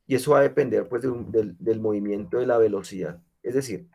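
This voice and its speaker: This man speaks with a fairly low, gravelly, darkish voice at a quick pace. He is giving an online physical education lecture while nursing a cold, walking through each step and frequently checking in with students through rhetorical questions.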